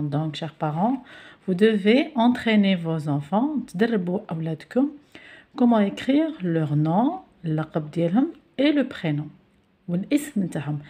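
A woman teacher with an Algerian accent, explaining a school exercise and slowly spelling out letters and syllables. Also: lowish voice, warm tone. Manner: switches between French and Algerian Arabic, spells letters slowly. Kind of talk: classroom lesson video.

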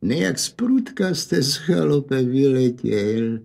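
A man's voice: medium pitch, animated, creaky, darkish tone. A man voicing a small, smiling, sly old man with a thin old voice and a Hanák dialect. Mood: sly teasing. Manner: thin old man's voice, teasing. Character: sly, merry little old man, a disguised king.

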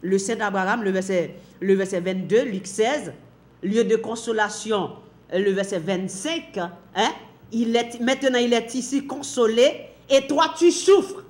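A woman's voice: mid-range voice, a little slow, darkish tone, reverberant. A woman teaching from the Bible in a sermon, repeating key phrases and asking and answering her own questions.

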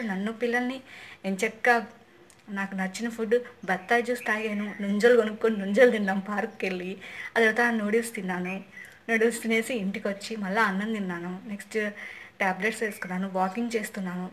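A woman's voice: medium pitch, fairly even intonation, quick pace, a bit bright. A young woman vlogger casually recounting a personal story, chatty and often repeating herself. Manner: chatty, repeats and restarts phrases. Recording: faint background noise.

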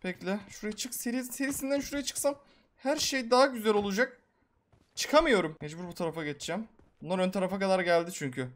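A man giving live, excitable gameplay commentary as a gaming YouTuber, swearing and talking to his viewers. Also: high voice, quick pace.

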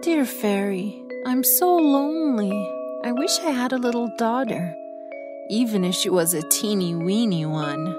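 A woman voicing a lonely, gentle woman longing for a child in an animated fairy tale. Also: mid-range voice, unhurried, over music, lightly acted. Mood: wistful. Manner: tender, wistful.

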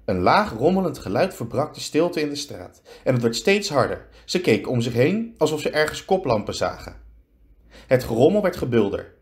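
Teacher guy reading a kids story aloud, expressive, drags words out. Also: mid-range voice. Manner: expressive, slowing for effect.

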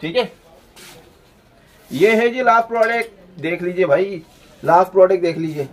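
A man, a clothing shop owner giving an energetic, hard-selling pitch in his small shop. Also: normal speed. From Pakistan. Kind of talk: sales pitch vlog.

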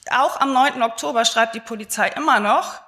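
Chatty woman with a fairly high voice. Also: a little fast, pushed and bright. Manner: chatty with frequent filler sounds. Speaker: conference speaker. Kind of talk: live talk, conversational.

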